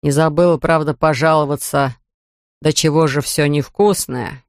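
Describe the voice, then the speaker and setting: A reader voicing a tired, gentle middle-aged fisherman who speaks slowly and evenly, read close to a dry studio mic. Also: medium pitch, fairly even intonation, no echo, lightly acted. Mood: calm.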